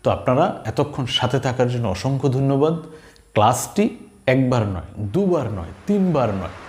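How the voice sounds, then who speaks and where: A man teaching spelling, reciting letter-vowel combinations slowly and checking in with his students. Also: mid-range voice, lively intonation, darkish tone, roomy sound, a little hiss or hum. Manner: slow, drawn-out recitation with checking questions. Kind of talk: slow recited lesson.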